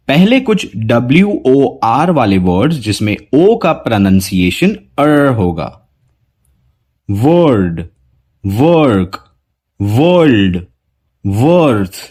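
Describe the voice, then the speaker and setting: Husky man slowly teaching pronunciation. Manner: drawn-out word examples with a lively rising pitch. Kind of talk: slow, deliberate pronunciation lesson.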